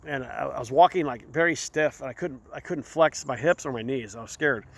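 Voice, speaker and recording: A man hosting his own show, telling a candid personal story in a rambling, halting way, often repeating words. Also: mid-range voice, fairly bright tone. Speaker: show host.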